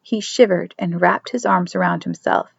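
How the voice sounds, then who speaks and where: A woman narrating a chapter of a novel in a steady storytelling manner, dropping to soft whispers for a character's thoughts. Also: fairly low pitch, moderate pace, gravelly, husky, dry recording. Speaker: audiobook reader. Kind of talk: scripted narration. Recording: dry, dull lo-fi recording.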